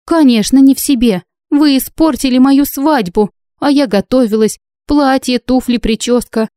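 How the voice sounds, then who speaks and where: A woman plays a brash young heroine who puts on a show. She talks loud and high with a mellow tone and a mock-innocent edge. The audiobook sound is dry and close. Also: normal speed, no room sound, close to an everyday voice. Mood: theatrically sweet.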